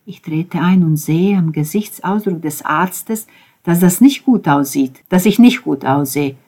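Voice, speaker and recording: A woman narrating a German novel in a measured, expressive reading voice that drops softly at times. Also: on the low side. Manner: measured, expressive reading, dropping to soft asides. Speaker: audiobook narrator.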